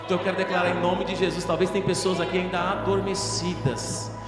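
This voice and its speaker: A young male pastor from Brazil, preaching a sermon with rising intensity and dramatic pauses, recorded in a small church hall. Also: sits high, little pitch movement. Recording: echoey church hall with music behind.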